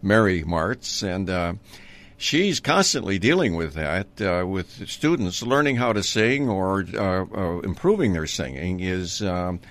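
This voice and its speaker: A man's voice: low voice, lively intonation, unhurried, fairly bright tone. An older man from Minnesota, a retired radio announcer, reminiscing in a rambling way with many ums and uhs and chuckles. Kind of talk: reminiscing interview talk.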